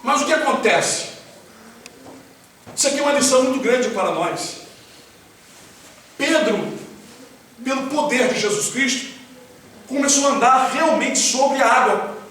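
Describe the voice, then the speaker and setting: A man's voice: very high-pitched, measured pace, long pauses, a bit bright. A man preaching a sermon as pastor, talking conversationally and often asking the congregation questions. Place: church hall with congregation. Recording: very echoey hall, voice far off, faint hiss.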